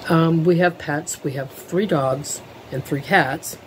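A woman's voice: low voice, slow, slight background noise, rough recording. Middle-aged woman with a lisp. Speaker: vlogger. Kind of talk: casual talk to camera. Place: living room at home, indoors. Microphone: webcam at desk, close framing.

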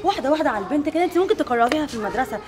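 A woman with an Egyptian accent playing a calm female school principal who keeps pleading for calm in an amateur family skit. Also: high voice, racing, a crowd in the background. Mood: placating. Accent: Egyptian Arabic.

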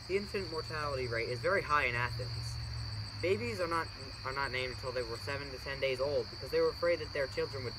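A man's voice: medium pitch, natural voice. A teenage boy acting as a cocky, teasing Athenian boy talking about his childhood in a school project drama. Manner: teasing, blunt. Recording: noisy outdoor recording with crickets.

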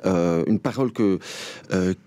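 An older man, an actor answering interview questions in a halting way, often restarting and searching for words. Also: deep voice, mellow, no echo. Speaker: actor and guest.

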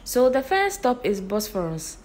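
A woman's voice: a little high, sing-song, unhurried. A woman with a Ghanaian accent narrating a vlog as its host. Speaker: vlogger. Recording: music behind the voice. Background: music.

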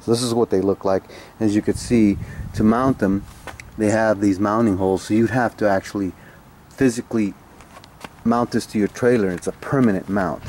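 Outdoors on a home driveway, a man with a fairly low, mellow voice gives blunt opinions in a casual product review, often pausing for fillers and restarts. A camera mic picks him up along with faint ambient noise.

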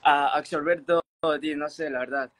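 Young guy from ecuador on a video call, eager and gushing, says "te juro" a lot, slightly higher voice. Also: fairly even intonation, normal speed, fairly bright tone. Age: young adult. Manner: eager, admiring, many fillers like "o sea" and "te juro". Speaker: mentorship student. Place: indoor room.

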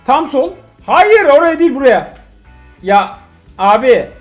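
Excitable man commenting on a game. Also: extremely high pitch, slow, soft background music. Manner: excitable, exasperated, joking. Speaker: father playing a mobile game with his son. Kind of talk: casual gaming commentary.

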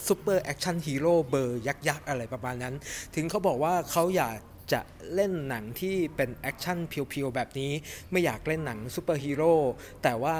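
A middle-aged man giving a casual, animated film review to camera in a cinema lobby, chatting with lots of fillers. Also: on the high side, a little fast, few pauses, slight background noise. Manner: chatty and animated, refers to himself by nickname, many fillers. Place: cinema lobby in front of a movie poster, indoors.

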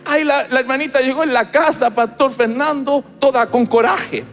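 A high-voiced male preacher delivers an emphatic, chanting sermon in church. He acts out his story with vivid emphasis. Soft music plays faintly behind him. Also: fairly even intonation, normal speed, long reverb tail. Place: church service.

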